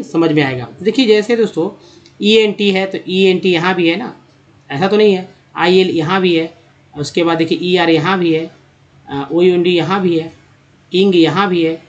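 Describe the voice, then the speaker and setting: A man teaching how to read English, breaking words into parts and repeating each sound slowly. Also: sits high, highs cut off. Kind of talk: screen-share lesson, slow spelled-out explanation.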